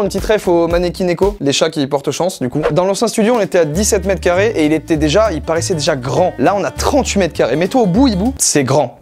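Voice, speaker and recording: A man giving an excited, joking casual tour of his new studio. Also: on the high side. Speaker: YouTuber showing his studio.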